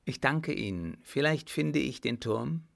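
Young French mademoiselle, put on by a male storyteller: raised pitch, plaintive and pouty, gravelly edge, slow. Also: animated. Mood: pouting. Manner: pouting, plaintive. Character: spirited young French lady, lost in woods.

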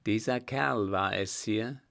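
A man's voice: fairly low pitch, slow, creaky, fairly bright tone, heavily acted. A man voicing a brave young captain who speaks earnestly and urgently in a storybook.

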